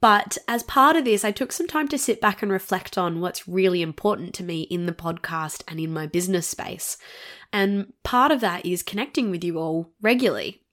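A woman's voice: on the low side, moderate pace. Chatty Australian woman, nasal from a cold. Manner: chatty and warm, laughs between phrases. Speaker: podcast host. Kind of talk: casual solo podcast monologue.

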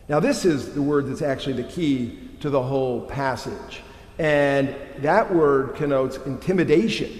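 Preacher man in an echoey hall. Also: fairly high pitch. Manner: animated, frequent rhetorical "right?". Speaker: pastor. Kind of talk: sermon. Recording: echoey hall with long reverb.

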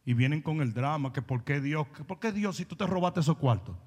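A man preaching a confrontational sermon, scolding and mocking his listeners. His voice sits high and sounds husky, with a gravelly edge. It carries through a church hall with a long echo. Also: animated, a little fast, darkish tone. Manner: blunt, mocking, acts out quoted people in voices. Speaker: pastor.

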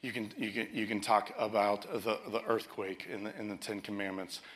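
A man's voice: fairly low pitch, steady tone, moderate pace, a bit bright. A man preaching a sermon as a pastor, telling stories and often restarting his phrases.

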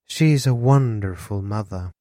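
A man voicing a gentle, wistful young woman with a soft, probing way of speaking. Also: lowish voice, unhurried, no echo, clean studio sound, lightly acted. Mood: fierce, warm. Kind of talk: audiobook character voice.

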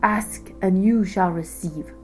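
A woman's voice: mid-range voice, slow, soft background music, close to an everyday voice. A woman doing a bold, commanding fox. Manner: loud, firm, declaring.

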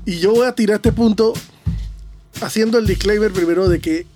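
A man's voice: high-pitched, moderate pace, music in the background. A man hosting a casual chat, laid-back, bringing up topics for discussion. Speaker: host.

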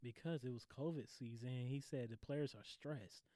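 A man co-hosting a sports podcast, excitable and profane, often laughing. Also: medium pitch, normal speed, no echo. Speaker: podcast co-host. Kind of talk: casual sports chat.

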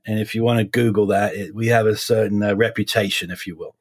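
A man in his forties with a slight Essex English accent softened by American years, chatting casually as an interview guest in halting, repetitive phrasing. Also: fairly low pitch, fairly even intonation, breathy edge. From suburbs of London, England (Essex), then Florida from age 12. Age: 40s. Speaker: guest, criminal defense lawyer.

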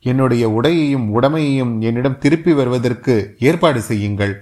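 A brash young warrior, bold and quick with his tongue, as a male narrator puts him on. He speaks with indignant, commanding force in a storybook reading. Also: mid-range voice, a little mellow, close to an everyday voice.

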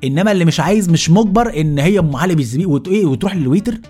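Rapid-fire Egyptian man ranting for laughs. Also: a little high, husky, soft background music. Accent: Egyptian Arabic. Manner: animated, exasperated, rapid-fire. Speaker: host. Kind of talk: comedic rant monologue.

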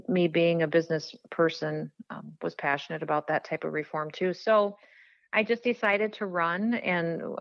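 A middle-aged woman from South Dakota speaks as an interview guest, her voice low and notably even, rarely rising or falling. She talks earnestly and plainly, with "um"s as she gathers her thoughts. The recording is dull and lo-fi, with a dry, close sound. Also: dry recording. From South Dakota, USA. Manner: earnest, plain-spoken, frequent "um"s. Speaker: guest, politician. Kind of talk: casual interview storytelling.

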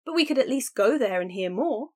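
A woman narrating an audiobook pushes her voice up to the high side for an eager young woman pressing her sister to take a chance. It comes out expressive and brisk, bright, urgent and persuasive, full of eager pleading.

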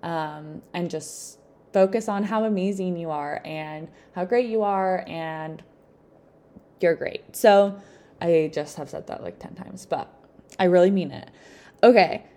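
A woman's voice: on the low side, a little slow, warm tone. A young adult woman giving casual, chatty advice in an upbeat, encouraging, informal way, peppering her talk with "like". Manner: informal, frequent "like" as filler. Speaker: host of a self-help podcast.

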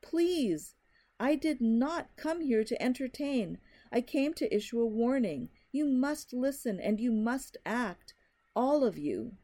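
A woman's voice: medium pitch, very animated, measured pace. Woman voicing a frantic pleading stranger man. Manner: frantic, pleading, rising to shouts. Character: desperate male stranger shouting a warning.

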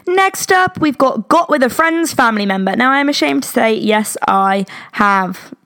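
A woman's voice: sits high, sing-song, a little fast, fairly bright tone. A young British woman in her twenties hosting a podcast, chatting frankly and giggling, with lots of fillers. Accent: British English. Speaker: podcast host. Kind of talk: casual chat.

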